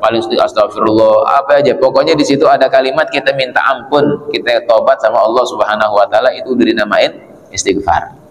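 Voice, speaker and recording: A man's voice: mid-range voice, fast. Man teaching in echoey mosque. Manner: relaxed, conversational, answers questions. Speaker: religious teacher. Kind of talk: informal religious study talk. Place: mosque hall. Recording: echoey mosque hall with long reverb.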